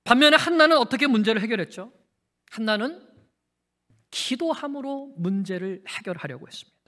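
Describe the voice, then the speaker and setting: High, bright-voiced pastor preaching in a reverberant church. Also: male voice, animated, a little fast. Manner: asks the congregation rhetorical questions and repeats phrases for emphasis. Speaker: senior pastor. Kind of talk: sermon. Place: large church sanctuary. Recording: long church-hall reverb.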